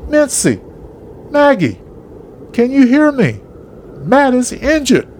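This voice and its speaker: A man voicing a frantic grown man who shouts loud, urgent warnings in a read-aloud story. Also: very high voice, takes it slowly, a little hiss or hum, voice pushed up. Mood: calling out.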